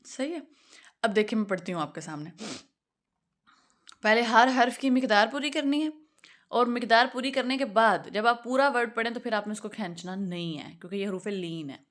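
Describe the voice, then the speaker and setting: Patient woman teaching tajweed, slightly high. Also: a bit bright. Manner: patient, repeats rules and sounds slowly for learners. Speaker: Quran recitation teacher. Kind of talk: online tajweed lesson.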